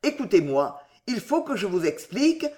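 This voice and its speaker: A man playing a proud young swordsman who speaks hoarse and stammering with fervent despair. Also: high-pitched, sing-song, normal speed, dark tone. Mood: desperate.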